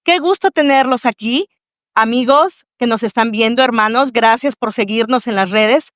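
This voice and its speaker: A woman with a Mexican accent hosts a faith testimony podcast. She speaks in a fairly high voice with a devout, welcoming manner. The sound is dry and close. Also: normal speed, no echo. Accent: Mexican Spanish. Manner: warm, devout welcoming address to the audience. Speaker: podcast host.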